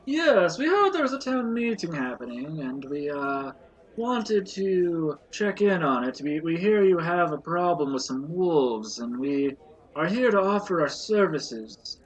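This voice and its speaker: Stiffly polite adventurer, played by a man, raised pitch, a bit husky. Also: very animated, a little slow, heavily acted. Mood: eager. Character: formal, eager male adventurer.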